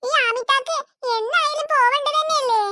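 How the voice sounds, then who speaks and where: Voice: very high voice, fairly quick, sharp tone, no room sound, exaggerated voice. A voice actor doing a cheerful cartoon bride. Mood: teasing. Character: kind young bride, cheerful adult woman. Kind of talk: Malayalam cartoon voice acting.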